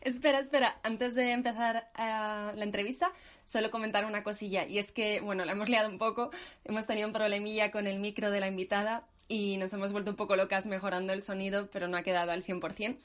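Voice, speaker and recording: A woman co-hosting a podcast from a remote location, lively and chatty. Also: mid-range voice, fast. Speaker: podcast co-host. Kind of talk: casual podcast chat. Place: recording remotely.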